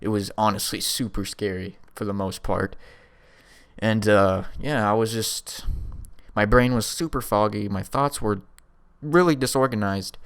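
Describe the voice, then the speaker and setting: Speaking a little slowly in a clean, lowish tone, this young storytelling vlogger recounts his own experience casually, full of slang, wandering along and frequently laughing.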